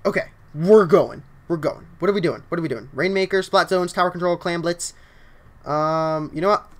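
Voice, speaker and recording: Excitable high-voiced young male streamer. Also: normal speed. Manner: excitable, upbeat, often starts lines with "yo, honestly". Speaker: game streamer. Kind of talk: casual livestream chat while reading viewer comments.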